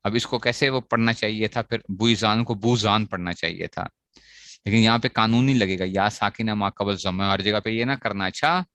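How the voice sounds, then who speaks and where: Lecturing male teacher, low dry voice. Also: normal speed, a bit bright, no echo. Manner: asks questions and answers them himself, repeating key points. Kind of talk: classroom lecture on Arabic grammar.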